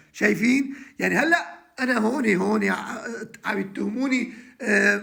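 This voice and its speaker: A man with a Syrian accent, delivering an emotional live monologue from home, halting with many restarts and trailing words. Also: sits high, creaky, pushed and bright. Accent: Syrian Arabic. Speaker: livestream host addressing followers.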